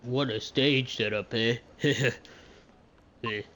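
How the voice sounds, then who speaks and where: A man's voice: mid-range voice, steady tone, takes it slowly, slight background noise, low-quality recording. A man casually chatting as he streams a game, laughing between remarks. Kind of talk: casual livestream commentary. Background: loud game music.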